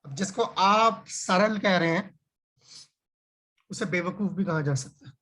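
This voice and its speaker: A man's voice: sits high, pushed and bright. A man teaching a religious scripture class over a video call, explaining with everyday examples and rhetorical questions. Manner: frequent filler phrases and restarts, slows to stress key words. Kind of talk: conversational religious lecture.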